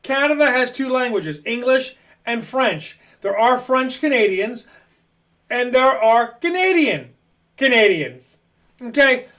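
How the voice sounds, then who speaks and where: A man's voice: very high-pitched, lively intonation, slow, a bit bright. A man from Maryland delivering a blunt, profane political rant to camera as a vlogger. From Maryland, USA.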